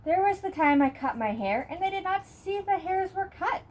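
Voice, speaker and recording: A woman's voice: very high voice, expressive, moderate pace, darkish tone. A woman host reading a scripted short story aloud. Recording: music behind the voice.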